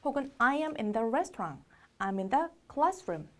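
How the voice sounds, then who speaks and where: A woman teacher, her high voice swinging widely as she moves between explanation and example. She speaks unhurriedly, reading each English phrase out very slowly for learners to repeat, and now and then drops to a soft voice. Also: big pitch swings. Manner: explains in Korean, then models English lines; drops to a soft voice when modelling some lines. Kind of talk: recorded English lesson for Korean learners.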